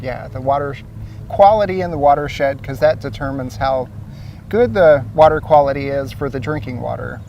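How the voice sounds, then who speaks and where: Standing outdoors by a lake, an Ohio man who works as a source water protection coordinator answers interview questions as a guest, casually explaining his city's water supply with some fillers. His medium-pitched voice is gravelly and darkish at a moderate pace, sounding distant and dull, with slight background noise.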